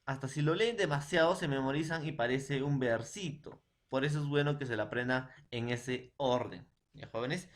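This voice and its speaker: A man's voice: medium pitch, normal speed, hardly any pauses. Peruvian man teaching a class. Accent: Peruvian Spanish. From Peru. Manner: repetitive, addresses students often, chants lists. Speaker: school teacher. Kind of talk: classroom lesson. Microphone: online class.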